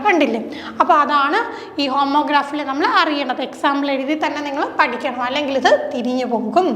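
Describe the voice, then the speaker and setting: In an echoey, long-reverb room, a woman teacher with a high, fairly bright voice conducts an exam-prep lesson, answering her own questions. She is a Malayalam speaker with a Malayali English accent.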